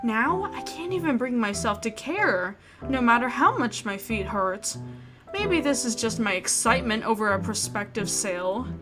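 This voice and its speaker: A woman with a fairly high voice reads a horror visual novel aloud at a normal pace, hosting a game playthrough. She's expressive, acting out the narrator's thoughts and tossing in casual asides of her own, while background music plays under her voice.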